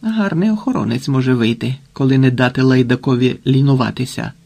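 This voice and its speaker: A man's voice: medium pitch, fairly quick, vocal fry, a little mellow. A man voicing an arrogant, bullying landlord who barks orders in a storybook reading. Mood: scheming. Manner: barking commands.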